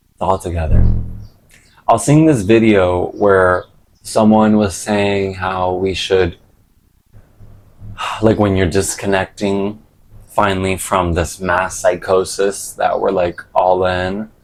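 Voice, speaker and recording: Male vlogger, low-pitched voice, loose sweary slang, casual rambling monologue. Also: low-quality recording. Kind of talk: casual rambling chat to camera.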